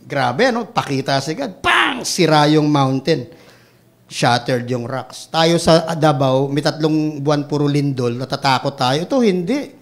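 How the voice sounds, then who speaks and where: Man, Filipino accent, pastor, lively sermon voice, loud then hushed. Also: fairly high pitch, a little slow. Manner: animated preaching, swings between loud exclamations and hushed asides.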